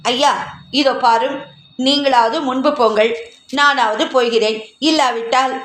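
A woman voicing a proud, spirited young woman who answers back with quick, cutting retorts, in an echoey room. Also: sits high, steady tone, a bit bright. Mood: indignant.

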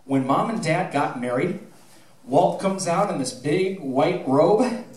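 On stage with a handheld microphone through the PA, a middle-aged high school theatre director addresses the audience informally, telling anecdotes and offering thank-yous. He projects animatedly, his voice on the high side and slow. An audience camera records from a distance in a roomy hall.

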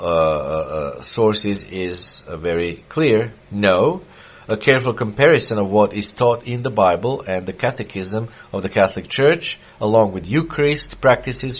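This middle-aged Serbian-speaking preacher delivers a sermon in a small wooden-walled church, reading out quotations from scripture and explaining them. He speaks at a fairly low pitch, in a measured way, pausing often and leaning on many fillers.

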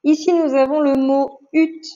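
Woman, teacher, patient and slow, clear dictation, slightly high voice, dull recording. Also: steady tone, dark tone. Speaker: primary school teacher. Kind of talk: online lesson narration. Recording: dull lo-fi sound.

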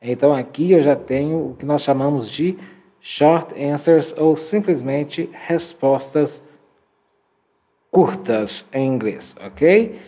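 Slow, lively-pitched male English teacher. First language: Portuguese. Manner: slow, drawn-out modeling of English phrases for repetition. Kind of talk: recorded video lesson.

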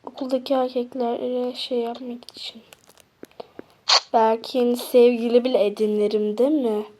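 A woman's voice: fairly high pitch, little pitch movement, moderate pace, dark tone, close to an everyday voice. A woman voicing a fed-up sassy schoolgirl. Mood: annoyed. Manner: exasperated, grumbling, sighing.

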